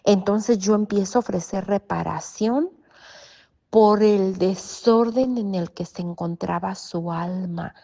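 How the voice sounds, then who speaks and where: A woman's voice: mid-range voice, slow, dark tone. A woman, telling a personal story as an interview guest, hesitant and searching for words, on slightly muffled audio.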